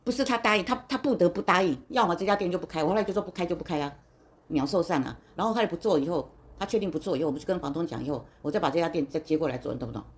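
A woman's voice: lowish voice, racing. A woman in her sixties in a casual interview, telling a long story in a talkative, indignant way, quoting what people said and often restarting her sentences. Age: 60s.

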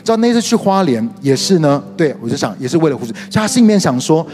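Animated Taiwanese pastor in an echoing hall. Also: male voice, fast talker. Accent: Taiwanese Mandarin. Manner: animated storytelling with sudden pitch jumps. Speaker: pastor and worship leader. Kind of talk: sermon. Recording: reverberant hall with soft music behind.

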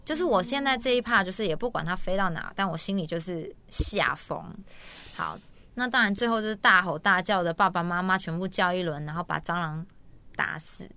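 Bright-voiced woman telling stories. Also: on the low side, a little fast. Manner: animated, acts out quoted voices. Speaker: host. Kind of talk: casual storytelling chat.

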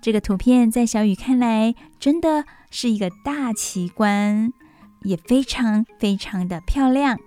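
Radio lady reading a kids' bedtime story, highish expressive voice, soft music behind. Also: unhurried. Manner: warm, expressive storyteller with asides to listeners. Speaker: radio show host. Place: radio studio.

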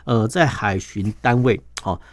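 Patient and steady, the man explains each step in turn as an interview guest. He is a defense journalist with a Taiwanese Mandarin accent who peppers his speech with small filler particles. His voice is lowish and unhurried, recorded without echo.

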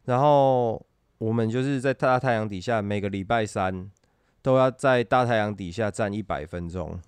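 A man with a Taiwanese accent telling stories in casual conversation, animated and illustrating them with vocal sound effects. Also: on the low side, normal speed, clear, resonant tone, dry recording. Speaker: guest telling his military service stories.

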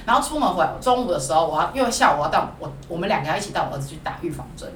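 A woman's voice: fairly low pitch, rapid-fire, roomy sound, distant mic, slight background noise. A woman chatting casually as a podcast host, telling a story animatedly and acting out another person's lines. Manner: animated storytelling, acts out her husband's lines. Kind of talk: casual chat.

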